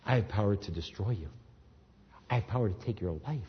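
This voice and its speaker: A man acting out a stern male Roman governor in a low, hushed, threatening voice while preaching. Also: a little fast, in a large hall, dull audio, lightly acted.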